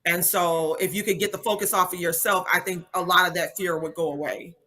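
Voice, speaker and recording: A woman's voice: on the low side, fairly even intonation, fairly quick, pushed and bright. A woman speaker and coach answering interview questions in a polished, upbeat way.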